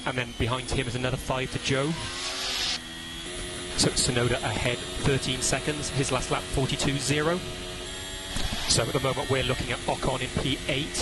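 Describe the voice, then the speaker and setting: A man working as a race engineer gives terse pit radio calls in a clipped, instructional, matter-of-fact way over team radio. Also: medium pitch. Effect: team radio transmission. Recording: very noisy radio with engine noise.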